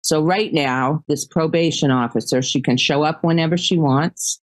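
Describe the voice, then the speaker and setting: An older woman, a grandmother, speaking as a guest in a casual interview, plainspoken and quick to laugh. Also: low-pitched, dry recording.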